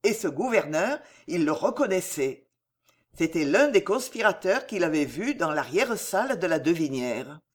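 An audiobook reader narrating a historical adventure novel with a theatrical touch. The pitch sits mid-range but moves widely, keeping the telling animated. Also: normal speed. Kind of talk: dramatic novel reading.

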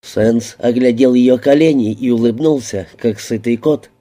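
A male narrator reading an audiobook in a steady, even storytelling manner. His voice is very dark and mellow, sitting at a middling pitch for a man. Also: a little slow.

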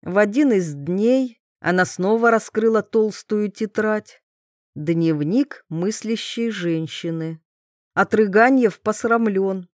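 A woman reading a novel aloud as narrator in a measured, expressive manner. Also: mid-range voice, no room sound, clean studio sound. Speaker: audiobook reader. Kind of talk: literary audiobook narration.

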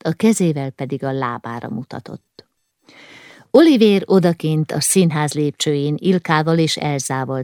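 A woman reads an audiobook in a measured, even way. Her voice sits low, and the recording is dry and close, with no room sound around it. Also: dry recording. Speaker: audiobook narrator. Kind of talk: scripted narration.

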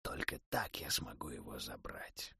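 Man doing a hushed low death god. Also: wildly swooping pitch, a little slow, creaky, slightly rough, no room sound, whispered, studio quality, heavily acted. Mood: calm. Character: calm ancient male god of death, imposing.

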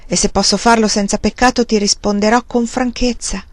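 Woman voicing an anguished old-style monk, pious, pleading, gentle, dry sound. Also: mid-range voice, fairly even intonation, brisk, no room sound, natural voice.

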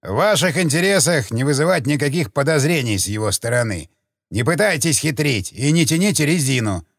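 A man's voice: mid-range voice, fairly quick, dry recording, clean studio sound. Man voicing an icy fake-preacher villain. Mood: coldly threatening. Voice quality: icy, flat, robot-like. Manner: calm, impassive, commanding. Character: cold, calm male villain posing as a preacher.

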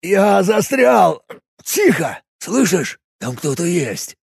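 A man's voice: a little high, very animated, unhurried, darkish tone, husky, dry recording, studio quality, heavily acted. A man voicing a nervous, whiny young man in an audiobook, anxious and given to outcries. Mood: scared. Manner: anxious, mournful, cries out. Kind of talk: audiobook character voice.

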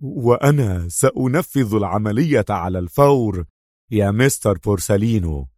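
A man's voice: lowish voice, lively intonation, moderate pace, a little mellow, no echo, clean studio sound. A man voicing a nervous, greedy, corrupt police inspector who talks in an agitated, jittery way, in a storybook reading.

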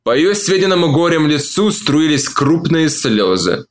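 A man reading a novel aloud as an audiobook, narrating in the first person at a measured, calm pace. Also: on the high side.

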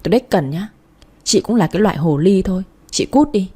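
A woman voicing a spiteful young woman who taunts her older sister in a scornful, shrill manner. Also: expressive, brisk, mellow, slightly rough.

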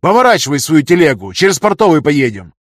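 A man voicing a pompous, hot-tempered senior adviser to an emperor who bosses people around and flies into loud rages. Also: mid-range voice, expressive, moderate pace, breathy edge, no room sound, clean studio sound. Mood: furious. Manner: shouting, bossy, easily outraged.

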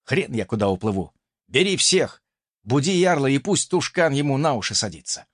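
Figure: a man doing a cocky young hero. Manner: mocking, lively taunts. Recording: dry. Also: medium pitch, normal speed, no echo. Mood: taunting.

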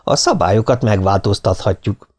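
A man's voice: on the low side, darkish tone, close to an everyday voice. A man reading an audiobook, voicing a coarse middle-aged businessman with crude, drawling banter. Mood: leering.

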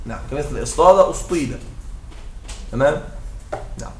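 A man teaching a grammar lesson, often checking that his students follow and reciting quoted lines slowly. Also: fairly high pitch, animated, echoey room, slight background noise. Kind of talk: classroom lesson explaining a text.

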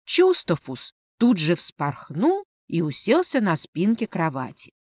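A woman reading a first-person fantasy audiobook in a measured, expressive way. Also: lowish voice, no echo, clean studio sound. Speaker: audiobook reader.

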